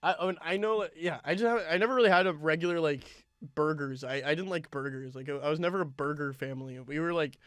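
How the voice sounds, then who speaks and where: A young man with a high, smooth, resonant voice co-hosting a casual podcast. He rambles loosely, stacking "like" between his words. The recording is close and dry, with no room sound. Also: fast talker, hardly any pauses, a bit bright, no echo. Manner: rambling, heavy on "like" fillers. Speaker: podcast co-host.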